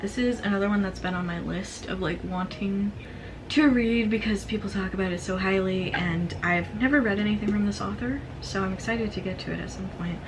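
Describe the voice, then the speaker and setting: A woman chats casually in a mid-pitched voice with vocal fry and a slightly strained throat. She is excitable and gushing, in the manner of a book vlogger. There is clear background noise behind her. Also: a little fast. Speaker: book vlogger presenting a thrifted book haul. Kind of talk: casual chatty book haul.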